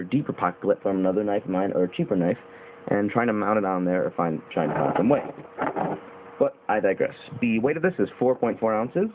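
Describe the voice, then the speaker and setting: A young man talks through a knife review in a loose, informal way, filling pauses with ums and uhs. His voice sits a little low. The audio is thin and phone-like, with a faint hiss underneath. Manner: rambling, informal, with fillers and mild swearing. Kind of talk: casual video review.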